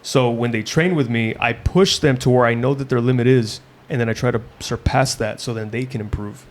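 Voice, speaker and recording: This is a man in a relaxed interview who talks in a blunt, intense way, the way a wrestling coach does. His pitch is ordinary for a man. He often stumbles and restarts mid-sentence before pressing on with his point. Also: a little fast. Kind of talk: casual interview chat.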